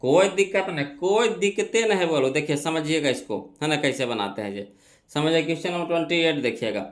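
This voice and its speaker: A young male math teacher with a fairly high voice. He walks through each exam problem step by step, putting questions to himself, answering them, and repeating key phrases. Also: lively intonation, a little fast. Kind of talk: exam-prep math lesson.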